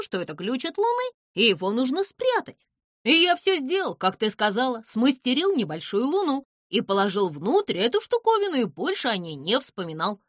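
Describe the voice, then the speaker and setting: A woman's voice: high voice, no room sound, studio quality, full character voice. A woman voicing a puzzled male cat in an audiobook, speaking plainly and a little bewildered. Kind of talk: audiobook character voice.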